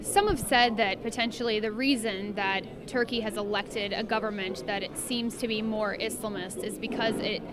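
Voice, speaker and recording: A woman asking measured, formal interview questions. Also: medium pitch, steady tone, music in the background. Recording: busy crowd noise behind voice.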